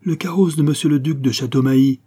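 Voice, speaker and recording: A man's voice: medium pitch, expressive, normal speed, warm tone, slightly rough. A man reading aloud, voicing a deferential male household servant. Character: polite male household lackey.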